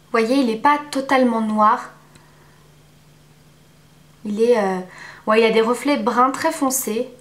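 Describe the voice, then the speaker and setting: A woman giving a casual, chatty makeup review at home, pausing often on fillers. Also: fairly high pitch, reverberant. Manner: chatty, many filler pauses. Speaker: beauty vlogger.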